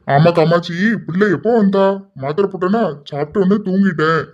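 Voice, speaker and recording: A woman's voice: on the low side, fairly quick, darkish tone, highs cut off, natural voice. A woman voicing a stern but caring middle-aged father in an audio drama, speaking in an insistent, questioning way. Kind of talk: amateur audio drama acting.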